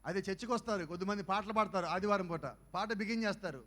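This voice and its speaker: A man preaching a youth sermon, firing rhetorical questions at the crowd and swinging between soft asides and loud exhortation. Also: sits high, quick pace. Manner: fires rhetorical questions at the audience. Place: youth camp meeting hall. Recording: echoey hall with long reverb.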